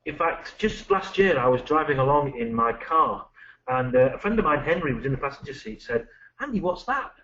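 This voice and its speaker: A middle-aged British man, a management consultant, presenting a business webinar with lively, anecdotal, punchy delivery. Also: medium pitch, brisk, slight background noise. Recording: dull lo-fi recording.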